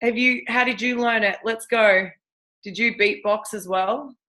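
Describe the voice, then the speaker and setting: A woman's voice: fairly high pitch, steady tone, unhurried, pushed and bright. A woman leading a team video call, encouraging and cheerleading her team. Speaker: team leader hosting a call.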